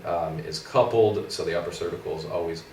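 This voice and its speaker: A man's voice: low voice, brisk, a little mellow. A young man in his twenties, nasal and congested from a cold with a scratchy throat, casually recapping his week of physical therapy school as co-host. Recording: roomy, far from the mic, faint noise.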